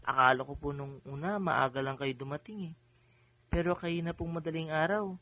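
A man's voice: a little high, steady tone, normal speed, no room sound, rough recording. A man voicing a shy, tearful young boy who speaks politely and hesitantly in an audio drama. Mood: curious. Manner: polite, hesitant, softly upset.

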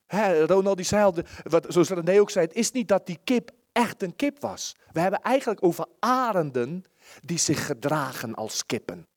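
Man, sermon, earnest and pleading, high voice, dry close sound. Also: lively intonation, moderate pace, no echo. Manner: earnest, pleading, with frequent restarts and shifts between loud and soft. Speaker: preacher. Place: church service, small room.

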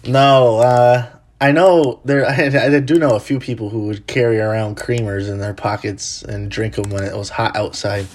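A man's voice: lowish voice, steady tone, normal speed. A man hosting a podcast in casual chat, chatty with many fillers, laughing easily. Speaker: podcast host.

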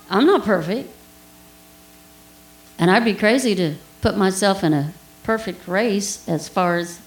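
A woman's voice: medium pitch, reverberant, poor audio. A woman giving an informal Bible teaching, telling a personal story in a chatty way with laughs and asides.

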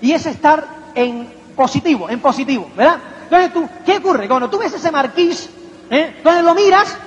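High-voiced man preaching in an echoey hall. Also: animated, normal speed, fairly bright tone, slight background noise. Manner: rhetorical, keeps asking "¿me entiendes?"; acts out little quoted voices and anecdotes. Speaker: motivational speaker. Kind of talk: motivational seminar talk to an audience. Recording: echoey hall, dull lo-fi sound.

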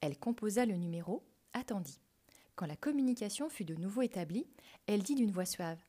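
A woman narrating a children's adventure book with a clear, lively reading. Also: mid-range voice, fairly quick. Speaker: audiobook narrator. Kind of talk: storybook reading.

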